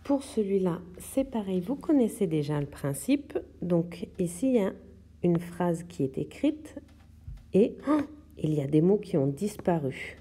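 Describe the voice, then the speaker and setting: Woman teacher, handwriting lesson for young children, slow step-by-step instructions, very dark mellow voice. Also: on the low side, big pitch swings, husky. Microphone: tablet microphone.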